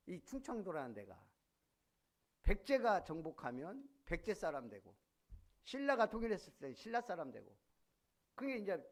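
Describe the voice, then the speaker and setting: A male pastor preaching a sermon, often putting questions to the congregation. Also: high-pitched. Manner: animated, asks the congregation questions. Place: church sanctuary.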